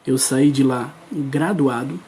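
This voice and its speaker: A man's voice: mid-range voice, takes it slowly, warm tone, slight background noise. A man giving an earnest testimony sermon, speaking directly to the congregation. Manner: earnest, addresses the crowd directly.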